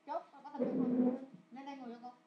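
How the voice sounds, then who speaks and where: A woman teaching English to a class of children, asking questions loudly and scolding pupils who don't focus. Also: high voice, flat delivery, fast, dull audio, background noise. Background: children chattering.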